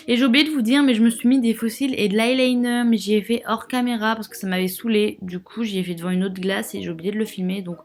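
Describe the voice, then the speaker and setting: A young woman casually narrating a makeup tutorial, rambling with lots of fillers and joking asides. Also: fairly high pitch. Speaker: beauty vlogger.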